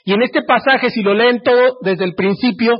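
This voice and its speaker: A man with a high, husky voice preaches a sermon and keeps putting questions to his listeners. He moves between loud, emphatic lines and hushed ones. The recording sounds dull and lo-fi. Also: moderate pace. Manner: asks the congregation direct questions.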